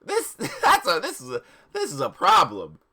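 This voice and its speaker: Hosting a livestream, a high-pitched man reads fan fiction aloud at normal speed, his pushed, bright voice making huge pitch swings. He performs it theatrically, mocking the text through incredulous asides with exaggerated emphasis.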